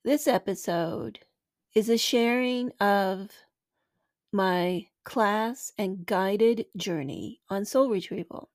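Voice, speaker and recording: A woman hosting a spiritual podcast speaks slowly and gently, letting phrases trail softly, sometimes almost to a whisper. Her voice sits at a middle pitch. The sound is close and dry, with no room around it. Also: dry recording. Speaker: podcast host and spiritual teacher. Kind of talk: slow reflective podcast talk.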